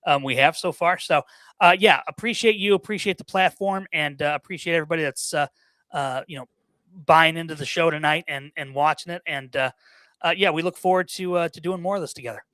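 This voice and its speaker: Bright-voiced man talking sports. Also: a little high, a little fast, no room sound. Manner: opinionated, repeats words, many fillers. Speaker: podcast guest. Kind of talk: casual sports talk.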